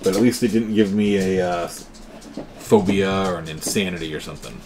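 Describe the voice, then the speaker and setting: A man hosting a board game play session, reading the game's text aloud with some drama and then talking through the rules in a relaxed, casual way. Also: deep voice, brisk, background noise. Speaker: host and player.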